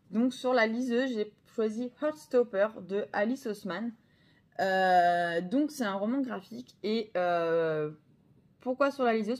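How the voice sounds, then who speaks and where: A woman's voice: mid-range voice, a little mellow. A young French woman chatting casually about her books, hesitant, with many fillers and self-corrections. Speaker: book vlogger. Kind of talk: casual chat.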